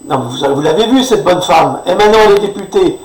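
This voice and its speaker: Talking fast and animatedly in a voice that sits high, a male commentator vents a sarcastic, indignant political rant with frequent questioning "hein" tags. The recording is distant from the mic and echoes off the room.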